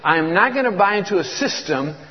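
A man's voice: sits high, animated, fairly quick, slightly rough. A man in his fifties preaching a sermon as a guest preacher, fervent, repeating words and calling for congregation responses. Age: 50s. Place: church. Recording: echoey hall, dull lo-fi sound.

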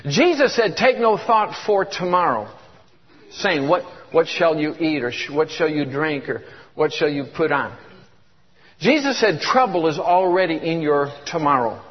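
Speaking unhurriedly and expressively in a somewhat high voice, a man in his fifties preaches a fervent church sermon as a guest, repeating himself and inviting the congregation to answer back. The sound is lo-fi and dull, echoing through the hall.

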